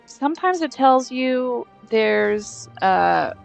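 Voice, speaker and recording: A woman's voice: a little high, expressive, takes it slowly, creaky, soft background music. A woman hosting a casual gaming live stream, hesitant and rambling, often trailing off mid-thought. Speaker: game streamer, host.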